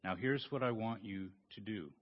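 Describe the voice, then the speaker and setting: A deep, steady voice of God, as a preacher puts it on, calm and patient, answering from above in low, measured words. The recording is muffled and lo-fi, and each phrase hangs in a long church reverb. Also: male voice, natural voice. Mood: firm, patient.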